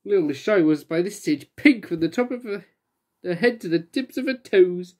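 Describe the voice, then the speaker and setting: A woman's voice: fairly low pitch, animated, normal speed, mellow. A woman reading a children's picture book aloud, expressively voicing the characters. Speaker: storyteller.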